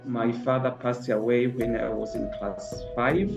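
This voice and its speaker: A middle-aged man, a school founder speaking in a measured, earnest way with frequent pauses. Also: mid-range voice, fairly even intonation, gravelly. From Tanzania. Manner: measured and earnest, pausing often on fillers. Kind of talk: reflective interview testimony. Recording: roomy, slightly dull with soft music.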